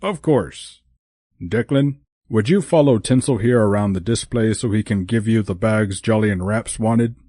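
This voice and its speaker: A man voicing a kindly, wise old Santa Claus in an audiobook, talking in a fatherly, gentle way. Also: fairly low pitch, moderate pace, no echo, clean studio sound, natural voice. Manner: avuncular, calls her "my dear". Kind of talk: audiobook character voice.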